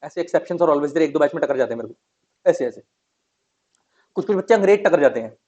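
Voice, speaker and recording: A man's voice: on the high side, animated, fairly quick, mellow. A man teaching law in a classroom lecture, mixing with English terms and asking questions that he answers himself. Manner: chatty, asks students questions and answers them himself; mixes Hindi with English terms.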